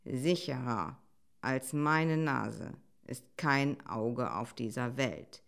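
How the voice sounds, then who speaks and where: A woman voicing a lonely, grim male wolf in a storybook, speaking in a slow, low murmur. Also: animated, vocal fry, exaggerated voice.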